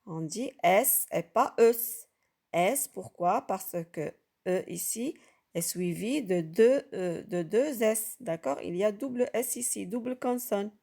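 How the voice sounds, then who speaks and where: Slow, gravelly-voiced woman teaching French sounds. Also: medium pitch, animated, warm tone. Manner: patient, repeats sounds and asks "d'accord?" often. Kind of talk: slow, carefully articulated lesson for beginners.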